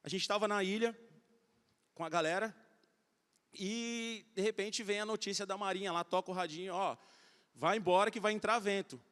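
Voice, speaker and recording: Middle-aged male pastor, fairly high voice, lively storytelling sermon, long church-hall reverb. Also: normal speed, long pauses, clean tone. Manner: storytelling, animated, acting out quoted voices.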